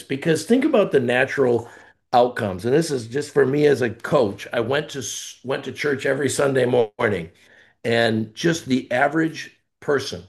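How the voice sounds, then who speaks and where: A middle-aged man in a casual podcast conversation, an animated storyteller who acts out the voices he quotes. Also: mid-range voice. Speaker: college athletic conference leader.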